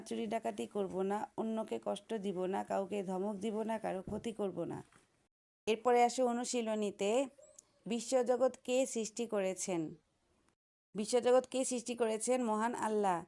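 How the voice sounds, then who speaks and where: A woman teacher with a Bangladeshi Bengali accent, reading textbook answers aloud in a steady, drilled, item-by-item listing. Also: mid-range voice, creaky.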